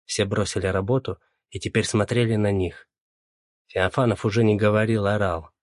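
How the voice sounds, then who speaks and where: A man narrating an audiobook in a measured, even storytelling voice. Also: fairly low pitch, no room sound, clean studio sound. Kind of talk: scripted narration.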